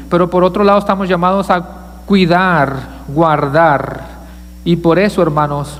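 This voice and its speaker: A man's voice: high voice, in a large hall. A male pastor preaching a sermon, asking the congregation questions and joking with them. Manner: asks the congregation questions, jokes with listeners. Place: church sanctuary.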